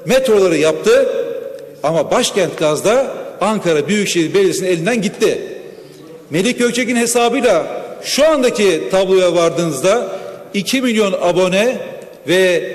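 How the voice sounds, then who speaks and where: A man with a high voice speaks into a rostrum microphone in a big chamber. He delivers an emphatic, accusing floor speech that climbs toward sharp rhetorical questions. A long hall reverb trails his words. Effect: speaking into a rostrum microphone in a large chamber. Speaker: member of parliament. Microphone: fixed rostrum microphone.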